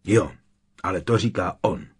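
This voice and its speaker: Man doing a jealous snappy teen wizard boy, loud, audiobook. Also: medium pitch, animated, husky, pitched above the performer's own voice. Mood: jealous, sneering. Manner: sneering, snapping. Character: sulky quarrelsome teenage boy wizard.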